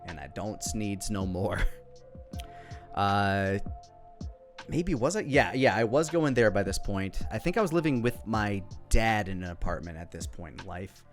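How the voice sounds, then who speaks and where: Over background music, an American video creator in his thirties rambles through casual, off-the-cuff commentary, often cutting himself off. His voice sits fairly low, animated and unhurried.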